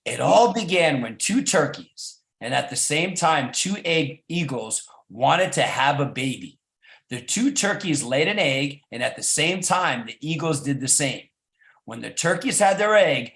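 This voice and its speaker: A man reads a children's story aloud with a slow, unhurried pace. His pitch rises and falls in an animated, coaxing way. The recording sounds roomy and echoey. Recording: echoey room.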